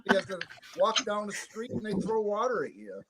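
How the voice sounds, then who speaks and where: A man with a slightly higher voice rambles casually on a live stream. He sits too far from his microphone, so his voice comes out hollow and distant, as if he were calling up from the bottom of a well. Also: big pitch swings, fairly quick, a crowd in the background. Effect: distant, hollow sound, as if falling down a well. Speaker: regular on a live-stream chat. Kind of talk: casual chat.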